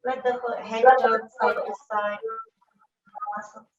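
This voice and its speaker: A yoga teacher with a slightly high voice leads a breathing meditation, giving slow, soft, calm instructions separated by long pauses. She is recorded from a distance in an echoey room, so she sounds set back from the microphone and the audio is muffled and dull.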